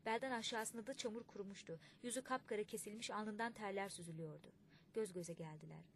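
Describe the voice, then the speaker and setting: Woman narrating an audiobook, measured. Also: medium pitch, steady tone, a little hiss or hum.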